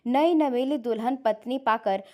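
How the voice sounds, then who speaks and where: Woman voicing furious mom yelling at her son, highish voice, family story. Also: measured pace, lightly acted. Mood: angry scolding. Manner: shouting, scolding. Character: furious middle-aged mother scolding her son.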